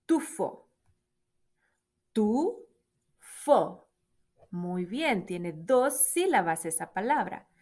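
A woman teaching a children's phonics lesson, stretching out syllables slowly for young learners to repeat. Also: on the low side, sing-song, darkish tone.

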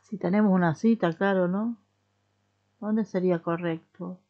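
A woman's voice: lowish voice, steady tone, a little slow, muffled recording. A young woman with a Rioplatense Spanish accent, chatting casually as she plays a life simulation game and talks to the characters. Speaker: gaming streamer. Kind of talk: casual gameplay commentary.

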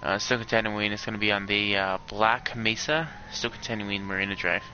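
A man's voice: fairly low pitch, steady tone, a little fast, sharp tone. A man playing a police officer in a game roleplay, calling in over the police radio in clipped codes and repeating his call sign. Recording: dull lo-fi mic with faint noise.

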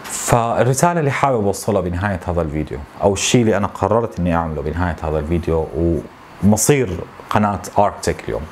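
A man in his thirties with a Syrian Arabic accent, venting to camera in a frustrated, complaining way, with halting repetitions. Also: sits low, expressive, darkish tone, slight background noise. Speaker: tech YouTuber. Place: small home office, indoors.

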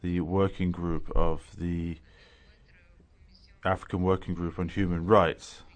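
A man with a very low voice works as a conference interpreter, rendering a speaker's remarks into English. His delivery is measured and halting, full of small pauses and restarts as he keeps pace with the speaker. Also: little pitch movement.

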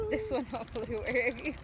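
A young woman vlogging to a handheld camera, chatty and excitable, laughing often. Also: on the high side. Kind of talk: casual vlog talk to camera. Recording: noisy outdoor and car recording.

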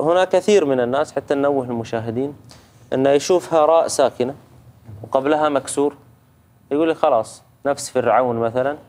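A man's voice: on the high side, darkish tone. A man with a Gulf Arabic accent giving a reciter patient feedback on recitation rules, demonstrating sounds and checking in often. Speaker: Quran recitation judge. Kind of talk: tajweed teaching feedback.

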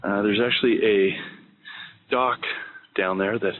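Slow-talking male real estate agent. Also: lowish voice, steady tone. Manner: unhurried, plain, with many "uh"s and "okay"s. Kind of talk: walkthrough property tour. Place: walking through a house and its grounds. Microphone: handheld camera mic. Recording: thin phone-like sound with faint noise.

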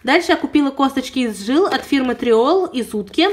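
Filmed indoors at home, a young pet vlogger with a sore throat goes through pet products she purchased in a chatty, detailed way, dropping in apologetic asides. Her high voice is expressive and a little fast, with a slight hiss or hum in the background.

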